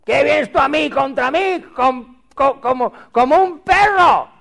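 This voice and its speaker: A man's voice: very high-pitched, measured pace, gravelly, voice pushed up, heavily acted. A man preaching, putting on the voice of a mocking giant warrior who taunts a boy. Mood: scornful taunting. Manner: taunting, shouting.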